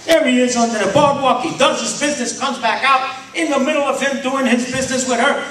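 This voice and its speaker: High-voiced male comic in echoey club. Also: steady tone, brisk. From Puerto Rico. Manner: rambling storyteller, hesitant restarts. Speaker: stand-up comedian. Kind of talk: live stand-up joke telling. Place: comedy club stage. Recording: echoey club from far, faint noise.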